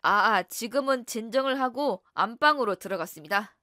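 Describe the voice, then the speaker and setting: A woman's voice: fairly high pitch, lively intonation, moderate pace, bright, forceful tone, no room sound, studio quality. A woman voicing a young husband who bullies and threatens his wife, then turns fake-polite. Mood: falsely polite. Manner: threatening, then smooth and apologetic.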